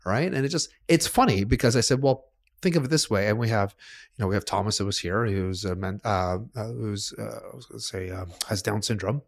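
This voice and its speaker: A man's voice: fairly low pitch, a little fast. A middle-aged man hosting a podcast, speaking in an opinionated, casual way with many restarts. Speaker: podcast host.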